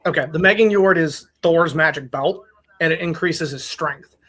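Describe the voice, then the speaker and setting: A man with a slightly high, somewhat bright voice hosts a casual group chat with friends at a normal pace. He explains his thoughts in a hesitant, considered way.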